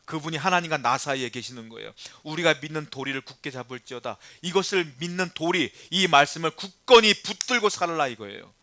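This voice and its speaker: A man's voice: fairly high pitch, animated, fairly quick, hardly any pauses, bright, forceful tone, no room sound. A male pastor preaching a sermon with emphatic rhetorical questions to the congregation, shifting between polite address and blunt plain talk.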